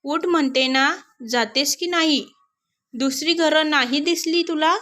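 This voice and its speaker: A woman's voice: sits high, unhurried, bright, forceful tone. A woman voicing a haughty queen who talks harshly and with contempt in a storybook tale. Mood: contemptuous.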